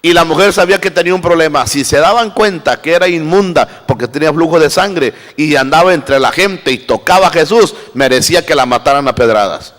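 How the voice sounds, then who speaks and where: Male pastor, fairly high voice, dynamic sermon delivery on a mic in a reverberant church. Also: a little fast, few pauses. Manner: preaching with wide swings between loud and hushed. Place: church hall. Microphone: handheld microphone. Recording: live church recording with long reverb.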